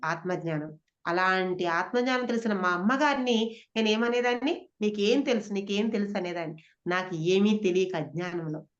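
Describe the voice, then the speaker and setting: A middle-aged woman gives a spiritual talk about her own life, often asking her listeners rhetorical questions and mixing English words into her speech. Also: mid-range voice. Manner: asks the audience rhetorical questions. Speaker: speaker sharing spiritual experiences. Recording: dull lo-fi recording.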